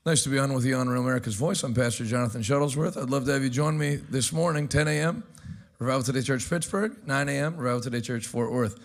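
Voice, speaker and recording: A brash male host with a gravelly, creaky edge to his mid-pitched voice. He delivers sarcastic news commentary with punchy, energetic remarks between clips. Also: quick pace. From United States.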